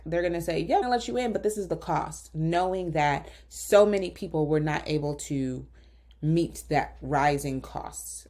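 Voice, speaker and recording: A woman physician hosting a solo podcast, talking earnestly and directly to listeners, slightly hoarse from a lingering cough. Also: lowish voice. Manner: earnest, coaching, direct address.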